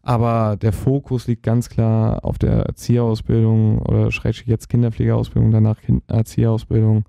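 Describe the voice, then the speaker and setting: A man's voice: fairly low pitch, monotone, moderate pace, gravelly, warm tone, dry recording, clean studio sound. A young man, a hobby DJ from Germany, chatting as a podcast guest, rambling and searching for words. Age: young adult. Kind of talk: casual podcast interview.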